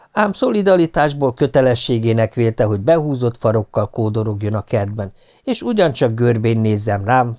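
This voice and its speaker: Wry male audiobook narrator, lively voice. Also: medium pitch. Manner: wry, ironic storytelling. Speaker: audiobook reader. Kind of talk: audiobook narration of a humorous novel.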